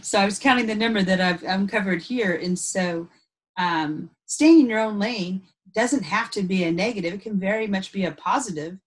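A woman's voice: medium pitch, moderate pace. A woman co-hosting a podcast, talking through ideas thoughtfully in casual chat with easy laughs. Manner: thoughtful, unpacks ideas aloud with frequent "and so" restarts; laughs easily. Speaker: podcast co-host.

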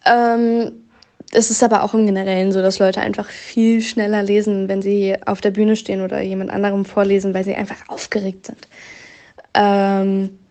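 A woman on a jury giving feedback, pausing often with filler sounds. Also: mid-range voice, little pitch movement, mellow. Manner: frequent ähm fillers. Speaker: jury member.

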